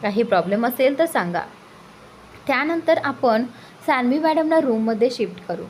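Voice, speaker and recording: A woman's voice: fairly high pitch, animated, a little mellow, slight background noise, close to an everyday voice. A woman voicing a polite hospital nurse who speaks to a patient's relative in a storybook reading. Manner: polite, brisk.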